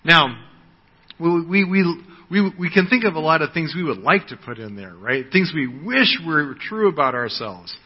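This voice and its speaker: With a slightly rough voice on the high side, this American man in his sixties preaches animatedly at a moderate pace. His sermon feels conversational, full of "right?" and repeated words whenever he begins a new idea. Dull sound and long hall reverb color the recording.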